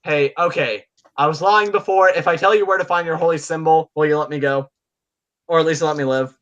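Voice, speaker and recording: A man's voice: a little high, a little fast, a bit bright, muffled recording, lightly acted. A man voicing a cornered, injured wizard villain in a tabletop game, bargaining and pleading.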